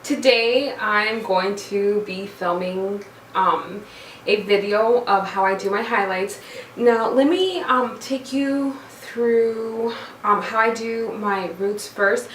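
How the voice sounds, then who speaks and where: A woman's voice: fairly high pitch, slow, fairly bright tone. A woman giving a casual, chatty, self-deprecating tutorial as a vlogger, informal and talking straight to the camera. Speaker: hair vlogger. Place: echoey cramped room indoors, standing. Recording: very echoey small room, far mic, faint noise.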